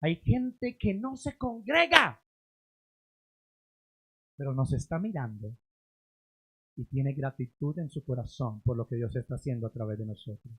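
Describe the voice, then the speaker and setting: A man preaching a sermon as a pastor in a church, rising to loud emphatic lines and then dropping to low, drawn-out endings. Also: very animated, husky. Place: church sanctuary.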